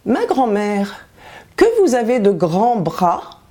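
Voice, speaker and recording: A woman voicing a naive little girl asking slow, wondering questions in a storybook tale. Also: medium pitch, sing-song, warm tone. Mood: innocent.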